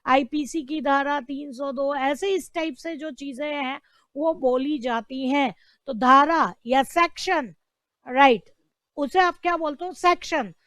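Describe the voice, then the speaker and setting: High-voiced woman teaching law. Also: a little slow, fairly bright tone, no room sound. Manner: asks rhetorical questions and repeats key terms. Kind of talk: online lecture.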